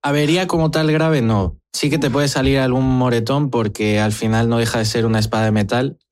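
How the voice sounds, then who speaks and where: Measured young man on a radio panel. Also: mid-range voice, fairly even intonation. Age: 20s. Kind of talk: radio interview chat.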